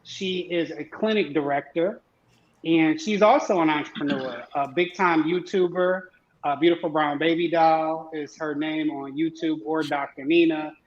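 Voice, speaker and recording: A man talking casually as a guest on an online show, pausing often with ums and uhs. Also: a little high, fairly even intonation. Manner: hesitant, many ums and uhs. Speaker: guest husband. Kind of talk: casual video-call chat. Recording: roomy, dull lo-fi sound.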